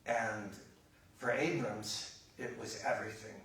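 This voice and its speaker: A man's voice: fairly low pitch, fairly even intonation, a little slow, a bit bright, a little hiss or hum. A man preaching a conversational sermon in a chapel. He talks animatedly and acts out the voices of the people in his examples. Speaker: pastor. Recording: echoey room, mic from a distance.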